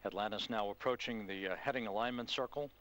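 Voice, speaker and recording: A man with a slightly low voice delivers live mission commentary. His announcing is measured and factual, built from short telegraphic phrases. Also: fairly bright tone.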